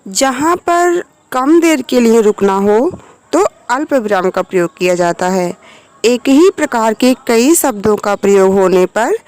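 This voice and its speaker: A woman teaching a grammar lesson in slow, clear explanations, her voice rising brightly on the examples. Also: fairly high pitch, animated.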